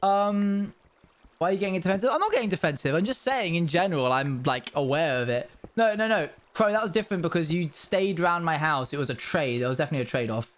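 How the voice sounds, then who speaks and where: A man's voice: on the high side, lively intonation, quick pace. A young man streaming live, telling rambling stories to his viewers with self-aware asides. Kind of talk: casual chat with viewers.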